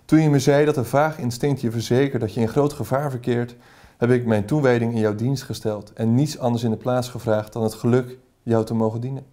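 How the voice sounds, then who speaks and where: A devoted young man pleading his love, read by a man from a novel. The speech is earnest and passionate, delivered in a dark, mellow voice at an ordinary middle pitch. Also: steady tone, brisk, close to an everyday voice. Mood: ardent.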